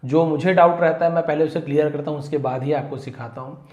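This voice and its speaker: A male English teacher with a fairly high voice gives a vocabulary lesson in an echoey room. He calls out each word loudly, then explains it in a calm, worn tone. He sounds tired from long work hours. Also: fast talker.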